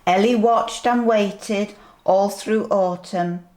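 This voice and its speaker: A sweet grandmotherly older woman reading a picture book aloud to young children, gently pointing things out as she goes. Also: medium pitch, fairly even intonation. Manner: slow, deliberate storytelling with asides.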